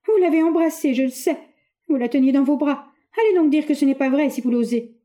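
A woman's voice: high-pitched, brisk, warm tone, pitched above the performer's own voice, natural voice. A woman reading aloud voices a jealous, impulsive young woman in a storybook, pleading and accusing through tears. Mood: anguished accusing.

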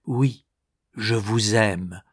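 A man's voice: lowish voice, very slow, husky, no room sound, studio quality, full character voice. A man reading an impatient middle-aged lover. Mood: tender. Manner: exasperated protests.

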